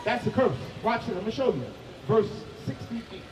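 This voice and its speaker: Male street preacher, high voice, emphatic with bursts of shouting, distant mic in an echoey space. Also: lively intonation, normal speed, background noise.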